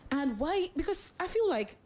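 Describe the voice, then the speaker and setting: A woman hosting a radio talk show, laughing often and filling pauses with "um" while she reads out listeners' questions. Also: extremely high pitch, very animated, a little mellow. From Nigeria. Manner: laughs often, many fillers. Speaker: host.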